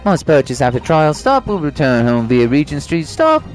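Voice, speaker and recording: A man's voice: fairly high pitch, sing-song, moderate pace, soft background music, voice pushed up. A man voicing a terse video game juror who talks in telegram fragments, punctuating them with stops. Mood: brisk, clipped.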